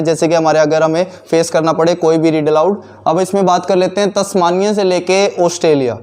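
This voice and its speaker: High-voiced male teacher in class. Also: darkish tone. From India. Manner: explains by asking and answering his own questions.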